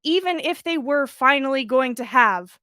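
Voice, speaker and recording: This high-pitched woman sounds expressive, pushed and bright, talking at normal speed with no room sound. She's a podcast host on a livestream, leaning close to a pop-filtered mic to chat and read fan fiction, giggling and cursing casually in an informal manner.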